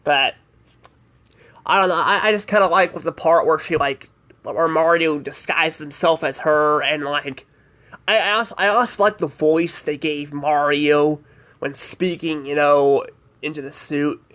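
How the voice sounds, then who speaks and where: Guy rambling through a cartoon review, kinda high voice, keeps hedging and trailing off. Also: steady tone, measured pace, fairly bright tone. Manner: rambling and hesitant, heavy on "like" and "I don't know". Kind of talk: casual spoken review.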